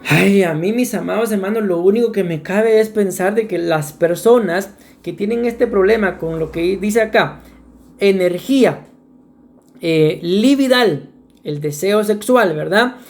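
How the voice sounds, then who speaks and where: A woman's voice: mid-range voice, a little slow, a little mellow. A woman preaching a sermon in a church, earnest and repetitive, often turning to address her congregation directly. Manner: earnest, repetitive, often calls listeners "my beloved brethren".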